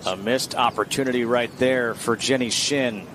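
A man's voice: medium pitch, normal speed. Male golf commentator over noisy outdoor ambience. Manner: announces play in short clipped phrases. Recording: outdoor course ambience noise behind voice.

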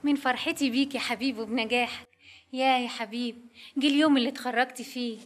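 Brief: female actor, middle-aged Egyptian mother, devoted, soothing and pleading, brisk and high-voiced. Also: steady tone, lightly acted. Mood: tender. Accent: Egyptian Arabic.

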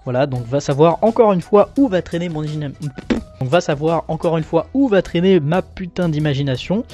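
A young man from France flipping through his sketchbook in a relaxed, self-mocking way, with lots of fillers. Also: on the high side, fairly quick, soft background music. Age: young adult. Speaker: artist showing his sketchbook. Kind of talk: casual commentary.

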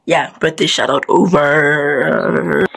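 A young woman from South Africa, talking to her camera in a casual vlog, chatty and rambling, with a husky, lowered morning voice. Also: steady tone, takes it slowly, a bit bright, a little hiss or hum, poor audio. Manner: chatty, rambling, self-mocking. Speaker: vlogger.

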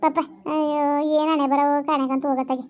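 A woman's voice: high voice, flat delivery, quick pace, close to an everyday voice. A woman playing a wailing, grieving village wife. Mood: tearful lament. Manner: wailing laments, tearful. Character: grieving village wife lamenting her fate. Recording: dull lo-fi sound.

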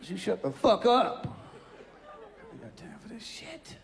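A man doing a loud, profane stand-up comedy set, acting out voices as he tells stories. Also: sits high, huge pitch swings, takes it slowly, creaky. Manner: brash, profane, loud storytelling with acted-out voices. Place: comedy club stage before a laughing audience. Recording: live show, loud crowd laughter and noise.

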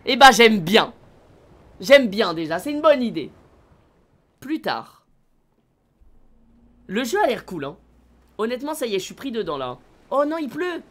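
A man live-streaming a video game, excitable and slangy, talking straight to his chat. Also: extremely high pitch, measured pace, long pauses.

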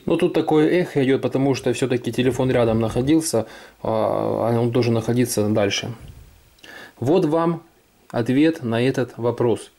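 A tech vlogger with a medium-pitched, warm voice gives a casual smartphone tutorial at a moderate pace, explaining each step informally. He's indoors at a desk doing a hands-on demo.

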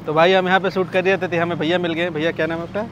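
This travel vlogger talks rapid-fire in a high, fairly flat voice while strolling a busy street, cracking crude jokes about his surroundings. He's recorded on a handheld camera, with street noise and the high frequencies cut off.

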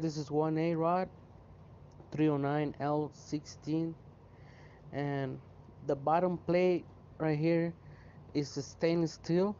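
A man casually talking through his welding outdoors in a relaxed, chatty way, with lots of "you know". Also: on the high side, clear, resonant tone, dull audio. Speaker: welder vlogger. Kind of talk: casual how-to narration.

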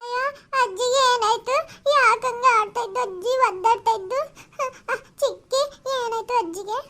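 A woman's voice: very high voice, normal speed, bright, forceful tone. A woman voicing a small, anxious grandchild in a cartoon, asking worried questions. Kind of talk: cartoon voice acting.

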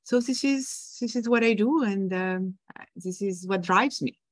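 A woman from France with a French accent, a leadership coach answering interview questions thoughtfully with frequent pauses. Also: mid-range voice, dry recording. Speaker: guest, executive leadership coach. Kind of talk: podcast interview.

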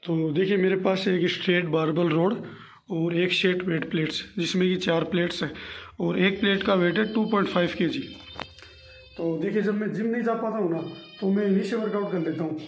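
A man's voice: high voice, steady tone, brisk, faint music behind. A man in his twenties chatting casually to viewers in a vlog, explaining things step by step, recorded on a phone at arm's length in a room at home. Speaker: vlogger. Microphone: phone held at arm's length. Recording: roomy echo from a bare room.

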